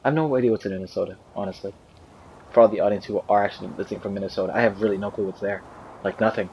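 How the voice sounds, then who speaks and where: A man's voice: fairly low pitch, steady tone, rapid-fire, darkish tone, a little hiss or hum, low-quality recording. A man hosting a let's-play video, talking casually over the game in a rambling way, correcting himself and adding dry asides. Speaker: gaming video host. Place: indoor room near a window on a windy day.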